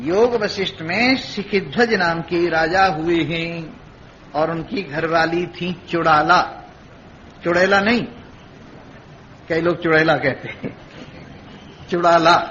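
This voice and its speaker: A man's voice: a little high, slow pace, fairly bright tone. A man giving a spiritual discourse, telling stories and acting out the dialogue with repeated, rhythmic phrases. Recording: dull lo-fi recording with faint hiss.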